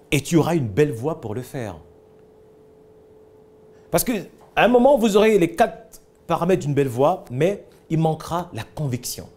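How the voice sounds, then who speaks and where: A man leads a public speaking lesson in a high, mellow voice. He teaches emphatically, putting on little scenes and firing rhetorical questions at his listeners. He chuckles now and then as he explains. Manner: emphatic, lively delivery with acted-out examples and rhetorical questions.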